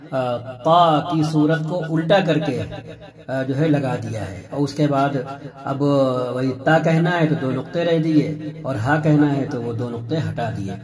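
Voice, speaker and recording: A man teaching a script lesson, explaining patiently and repeating each point with fillers. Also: fairly high pitch.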